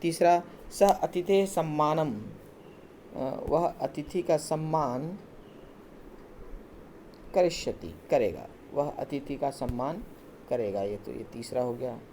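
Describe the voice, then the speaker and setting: A male teacher explaining textbook exercises in a recorded class, patient and step by step, with hesitant pauses. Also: fairly high pitch, lively intonation, dark tone, a little hiss or hum.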